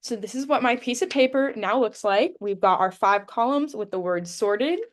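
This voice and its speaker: A woman's voice: fairly high pitch, normal speed. A young woman giving a class presentation, demonstrating a vocabulary activity and counting syllables aloud. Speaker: student presenter. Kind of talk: class presentation, mock teaching.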